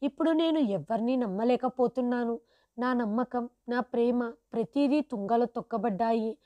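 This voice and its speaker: A woman narrating, in the first person, a sad family story as an old father, in a steady, sorrowful storytelling manner. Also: fairly high pitch, moderate pace, dry recording, lo-fi sound.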